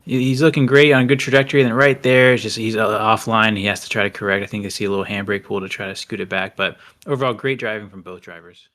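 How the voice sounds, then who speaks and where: A man commentating a drift racing event, excitable and chatty, a little out of breath. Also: on the low side, quick pace, few pauses. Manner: excitable, chatty, laughs easily.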